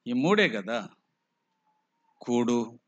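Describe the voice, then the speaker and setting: Man, pastor, Telugu accent, bright forceful voice, emphatic sermon, rhetorical questions. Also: mid-range voice, big pitch swings, very slow, dull audio.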